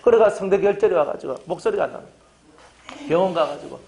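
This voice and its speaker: A man's voice: high voice, animated, fast talker, vocal fry, a little mellow, a little hiss or hum. A middle-aged male pastor, preaching a fervent sermon full of hammering rhetorical questions.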